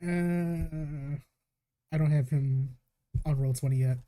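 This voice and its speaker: A man narrating a live tabletop game as game master, telling the story calmly and slipping into short in-character lines. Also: a little high, slow. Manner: calm storytelling with in-character asides.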